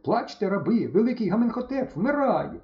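A man's voice: high-pitched, very animated, moderate pace, voice pushed up. A man doing a bossy, showy village boy. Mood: pompous. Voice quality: loud, declaiming, pompous. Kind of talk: audiobook character voice. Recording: dull lo-fi recording.

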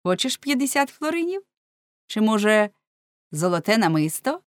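A woman's voice: mid-range voice, very animated, normal speed, no room sound, voice pushed up, lightly acted. A woman reading the part of a bold, teasing young man in an audiobook, in a forthright manner.

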